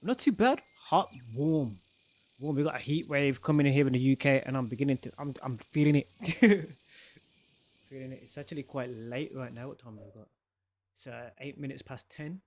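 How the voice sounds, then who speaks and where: A man's voice: mid-range voice, normal speed. A man, chatting casually with viewers on a live game stream and laughing often. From England. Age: 30s. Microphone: desk microphone.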